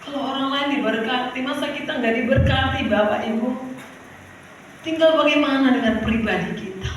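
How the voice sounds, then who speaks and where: In a church hall, a woman preacher delivers a sermon at normal speed in a high voice, calling out to the congregation and at times breaking into song. The recording is echoey and distant, with slight background noise.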